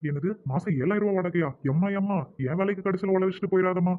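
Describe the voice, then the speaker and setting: A man voicing a weary, grumbling male flat caretaker in a cartoon, sounding exasperated. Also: high-pitched, fast, phone-quality sound, lightly acted. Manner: exasperated, sighing complaints.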